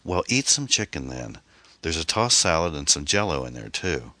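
A man's voice: rumbling low, sing-song, normal speed, bright, forceful tone, no echo, heavily acted. A man voicing a worried, hesitant middle-aged single mother. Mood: motherly.

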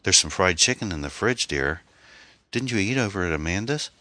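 A man's voice: low voice, lively intonation, brisk, bright, forceful tone, dry recording, pitched above the performer's own voice. A man voicing a worried, hesitant middle-aged single mother. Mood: motherly.

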